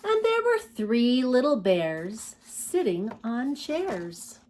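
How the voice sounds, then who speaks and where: A woman hosting a children's storytime, reading picture books aloud in an expressive, sing-song way and talking directly to young listeners. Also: a little high, slow pace, a little hiss or hum.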